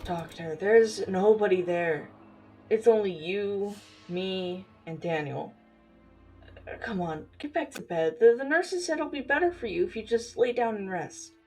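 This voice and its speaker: A woman's voice: medium pitch, unhurried, dark tone, soft background music, lightly acted. A woman voicing Haley, an anxious, caring young companion who coaxes the hero, in an audio drama. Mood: coaxing. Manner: anxious, coaxing.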